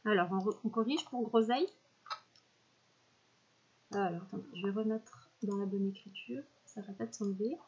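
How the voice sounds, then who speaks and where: A woman primary school teacher giving a recorded spelling dictation, stretching out each word slowly and clearly with patient classroom talk. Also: mid-range voice, darkish tone, muffled recording. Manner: slow, clear over-articulation of words, patient teacher talk.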